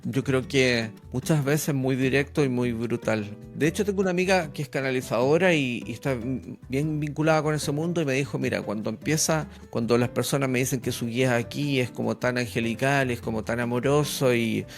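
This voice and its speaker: Man, interview host, mid-pitched voice, relaxed affirming manner, faint music behind. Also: a little fast, few pauses. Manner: relaxed, affirming with short replies. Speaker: podcast host. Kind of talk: conversational interview.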